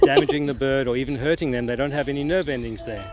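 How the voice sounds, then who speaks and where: Easygoing chuckling rancher from South Africa. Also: male voice, medium pitch, quick pace. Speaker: ostrich rancher. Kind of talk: casual interview answers. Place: outdoors at an ostrich ranch. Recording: archive TV clip with loud music.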